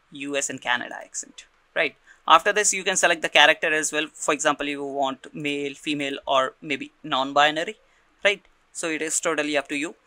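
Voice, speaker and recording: A tutorial presenter guides listeners through software step by step, pausing often to check in and repeating words along the way. His slightly high voice is sharp and cutting, captured in a dry, close recording with no room sound.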